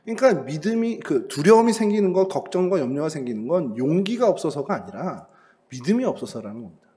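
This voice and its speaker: A man's voice: on the high side, big pitch swings, fast talker, dark tone. A middle-aged man giving a sermon as a pastor, in a conversational storytelling manner that brings scripture and family life close to the listener. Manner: conversational storytelling, acts out quoted lines.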